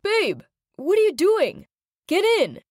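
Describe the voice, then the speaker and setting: A woman's voice: a little high, animated, moderate pace, no room sound, studio quality, lightly acted. Pushy teen boyfriend voiced by a woman. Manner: pleading, coaxing. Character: pushy teenage boyfriend with a car.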